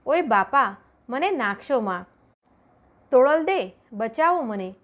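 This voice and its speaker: A woman voicing a once-proud warrior gone to pieces in a storybook, crying out in frantic wails. The voice climbs high and swings wildly as he begs for his life. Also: big pitch swings, takes it slowly, lo-fi sound, heavily acted. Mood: pleading. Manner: frantic wailing cries and pleas. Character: proud male warrior gone terrified, pleading.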